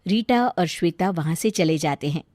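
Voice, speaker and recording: A woman narrating a scripted family story in an expressive storytelling way. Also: fairly low pitch, normal speed, no echo, studio quality.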